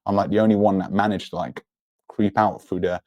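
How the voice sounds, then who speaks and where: A man's voice: lowish voice, fairly even intonation, brisk, dark tone, dry recording. A young man speaking as an interview guest in an earnest, introspective way about his own life. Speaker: podcast guest. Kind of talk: personal, reflective interview talk.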